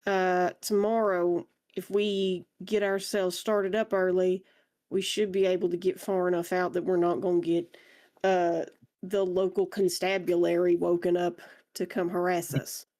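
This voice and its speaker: A woman's voice: on the low side, little pitch movement, unhurried, darkish tone, natural voice. A woman playing a wry, genteel traveller with folksy, colloquial talk in a tabletop game. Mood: practical, teasing.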